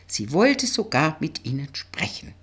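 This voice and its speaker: Husky, expressive woman narrating an audiobook. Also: low-pitched, a little slow. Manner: expressive, storytelling.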